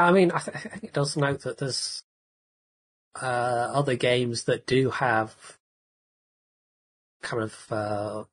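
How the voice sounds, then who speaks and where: A man who speaks very slowly and with some hesitation, weighing his words in a casual chat. His voice is husky and a little breathy. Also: mid-range voice, rough recording.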